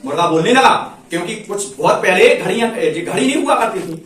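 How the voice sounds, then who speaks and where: A male schoolteacher giving a moral lesson to pupils, asking questions and repeating key words for them to answer back, and saying English phrases slowly. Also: high voice, animated, fairly bright tone. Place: classroom, indoors. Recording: very echoey classroom from far off.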